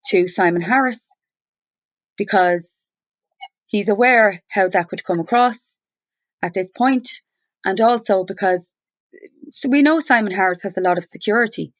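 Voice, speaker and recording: A woman speaking over the phone, challenging someone in an insistent, deliberate, argumentative way. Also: mid-range voice. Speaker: complainant challenging a journalist. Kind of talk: confrontational phone conversation. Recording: muffled, roomy recorded phone call.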